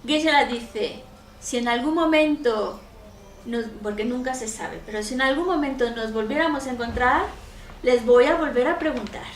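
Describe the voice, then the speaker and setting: A woman's voice: sits high, moderate pace. A woman, interpreting and patiently explaining a teacher's points in a lesson, often checking in with listeners. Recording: echoey room, mic far off, faint noise.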